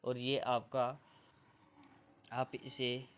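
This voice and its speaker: A man's voice: medium pitch, monotone, very slow, smooth. A man from India teaches English grammar for exams step by step and keeps addressing his viewers as friends. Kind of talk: exam-prep grammar lesson.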